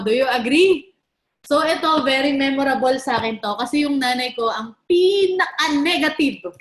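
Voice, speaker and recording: High-voiced woman telling stories on stage. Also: reverberant. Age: around 30. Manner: chatty storytelling, mixing in English, asks the crowd questions. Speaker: network marketing speaker. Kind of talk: motivational stage talk to an audience.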